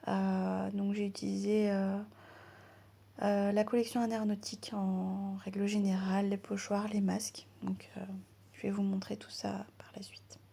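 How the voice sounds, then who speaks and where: A woman hosting her own crafting channel, chatting casually in a voice-over as she works, often slipping into a soft half-whisper. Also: mid-range voice, flat delivery, measured pace, vocal fry.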